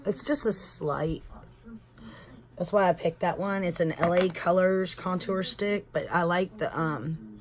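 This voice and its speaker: A thirtysomething woman with a Texan accent walks viewers through a makeup tutorial from home, her lowish voice moving a little slowly. She's a beauty vlogger who chats and rambles casually, calling her audience "y'all."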